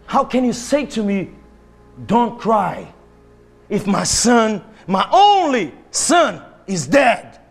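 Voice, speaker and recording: A man's voice: high voice, very animated, drawn-out words, creaky, soft background music, voice pushed up, full character voice. A man preaching voices a grieving widowed mother, pleading and crying out in despair. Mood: anguished pleading. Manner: pleading, rising to a cry. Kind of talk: sermon role-play.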